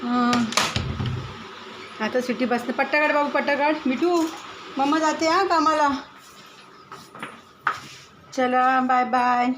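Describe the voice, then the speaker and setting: A woman's voice: high voice, steady tone, moderate pace, pauses often, a bit bright, a little hiss or hum. A woman vlogging at home, talking in a sing-song baby-talk voice to her pets. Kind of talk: casual vlog, talking to pets.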